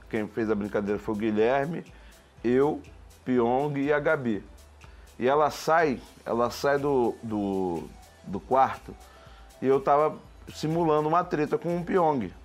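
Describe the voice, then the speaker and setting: A man in his forties telling stories in an interview, emphatic and animated, often restarting and acting out the dialogue he quotes. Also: mid-range voice. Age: 40s. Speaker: former reality show contestant.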